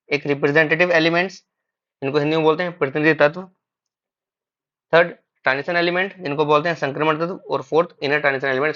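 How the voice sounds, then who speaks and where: A man's voice: a little high, pushed and bright, dull audio. A man teaching chemistry in a classroom-style lecture. He calls his students "beta", poses questions and answers them himself, and mixes English terms into Hindi.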